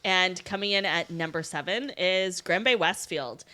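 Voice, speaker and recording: A woman's voice: on the low side, normal speed, sharp tone. A woman co-hosting a podcast, chatting through figures and adding her own asides. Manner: chatty, explains numbers with asides. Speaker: podcast co-host. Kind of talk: casual podcast chat with market figures.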